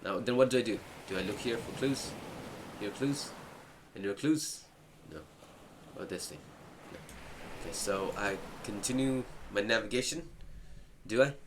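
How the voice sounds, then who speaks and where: A gaming video host gives casual playthrough commentary, thinking aloud, muttering to himself, and talking back to the game. His voice is on the low side, at a moderate pace with long pauses, and the recording has a clearly noisy background.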